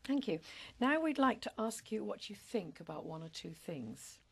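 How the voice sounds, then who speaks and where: A woman conducting a spoken language exam, reading out questions and instructions in a formal, measured tone. Her voice is gravelly with a husky edge. She stays polite and even throughout. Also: medium pitch. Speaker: speaking test examiner.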